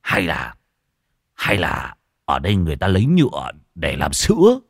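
A dim-witted gang member from a spoken ghost story, mumbling deep and quiet in a dazed voice, as a male narrator puts him on. The sound is dry and close. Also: huge pitch swings, moderate pace, vocal fry, breathy edge, no room sound, full character voice. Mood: puzzled.

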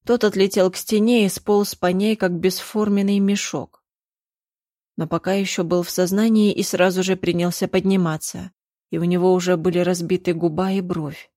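Woman narrator, lowish voice, dramatic tense reading, dry close recording. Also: level tone, moderate pace, mellow, dry recording. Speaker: audiobook narrator. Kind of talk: first-person story narration.

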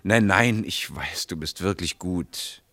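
A man's voice: low-pitched, takes it slowly, pushed and bright, full character voice. A young man playing a conflict-shy husband in a 1970s radio play, soothing and hesitant. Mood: weary. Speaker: working group leader.

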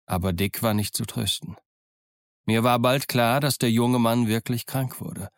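A man's voice: medium pitch, a little slow, no echo. Man reading an audiobook, dry close sound. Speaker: audiobook reader. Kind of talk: scripted narration.

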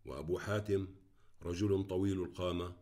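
Deep-voiced man reading an audiobook. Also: fairly even intonation, brisk, mellow. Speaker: audiobook narrator. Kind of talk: scripted narration.

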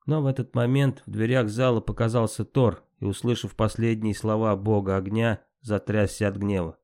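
A man narrating an audiobook of myths in an even storytelling manner. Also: lowish voice, moderate pace.

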